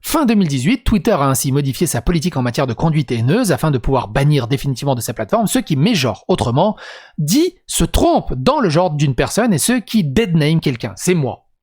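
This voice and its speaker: A man's voice: on the high side, sing-song, a little fast, a little mellow, husky. A man reading a script and breaking into crude, sarcastic asides as a video commentator. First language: French. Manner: crude, sarcastic asides between read passages. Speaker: YouTube commentator.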